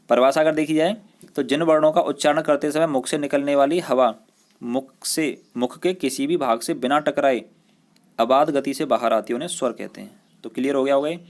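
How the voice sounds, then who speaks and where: Male school teacher, mid-pitched voice, patient, repeats and drawls out sounds for pupils. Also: a little mellow. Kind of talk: recorded classroom grammar lesson.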